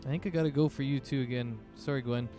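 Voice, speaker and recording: A man's voice: mid-range voice, fairly even intonation, quick pace, warm tone, soft background music. A man working as game master, casually narrating a tabletop fantasy game and thinking aloud as he goes.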